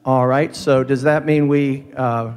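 A man's voice: medium pitch, fairly even intonation, a little slow, darkish tone, smooth. A man chairing a meeting informally, his voice slightly muffled by a mask over his mouth, talking into a close handheld microphone. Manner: speaking through a mask, mouth covered. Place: conference meeting room with sound system. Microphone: handheld microphone held close to mouth.

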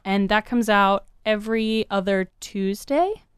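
Smooth-voiced chatty woman. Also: medium pitch, a little slow, no room sound, studio quality. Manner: chatty, rambling with fillers. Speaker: podcast co-host. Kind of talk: casual chat, reading old messages aloud.

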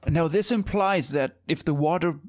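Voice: mid-range voice, moderate pace, lightly acted. A performer playing a curious, oddly formal shopkeeper who reacts with prim exclamations. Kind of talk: comedic improv character.

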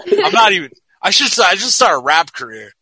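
An excitable man co-hosting a casual movie commentary podcast. His fairly high voice is bright and swings widely in pitch, and he swears freely as he talks. The sound is dry and close. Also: brisk, slightly rough, no echo. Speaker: podcast co-host.

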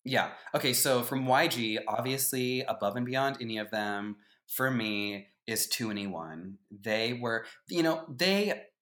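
A man's voice: medium pitch, measured pace, few pauses, fairly bright tone. A man co-hosting a podcast in casual chat, giving his opinions with emphatic swings. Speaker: podcast co-host.

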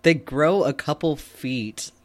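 A man's voice: a little high, slow. A man co-hosting a podcast in casual chat, laid-back, with short agreeing replies. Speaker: podcast co-host.

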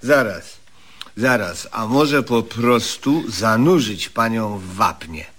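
Bossy, pompous eccentric for radio comedy: bright forceful voice, slow delivery, curt grumbles. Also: male voice, on the low side, heavily acted. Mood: bossy, decisive. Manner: curt, grumbling, emphatic, deadpan about absurd things. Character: gruff, pompous, bossy, self-important eccentric man. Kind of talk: comic radio play acting.

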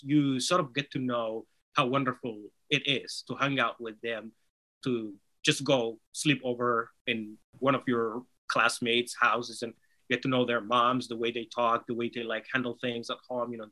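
An earnest man from Somalia, a native Somali speaker, answers questions as an author and interview guest in a conversational way. His voice is medium-pitched with a sharp tone, and he speaks persuasively, often tagging on a rhetorical "right?" The audio quality is poor.

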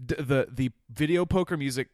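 A man's voice: mid-range voice, fairly quick, dry recording, clean studio sound. A man co-hosting a casual movie commentary chat, joking and acting out lines. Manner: joking, animated, acts out lines. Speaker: podcast co-host.

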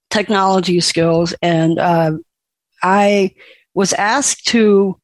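A woman telling her own life story as a personal testimony, speaking in a halting, emotional way. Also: medium pitch, no room sound.

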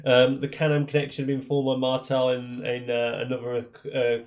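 A man's voice: mid-range voice, completely flat delivery, a little fast. British man reading out a wrestling bio. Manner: reads out a bio with many ums. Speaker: podcast co-host. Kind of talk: casual chat.

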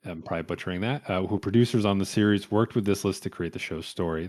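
A man with a very low, deep voice chats casually as a podcast co-host. He reads from his notes and breaks off into wry, offhand remarks. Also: a little mellow. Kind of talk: casual chat, reading research notes.

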